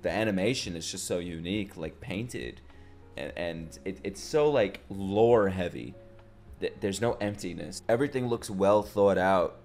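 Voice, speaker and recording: A young man reacts to what he watches as a video host. His voice is a little low, and he talks casually in slangy exclamations. Faint music plays behind him. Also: a little slow, darkish tone. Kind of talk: casual, excited live reaction commentary.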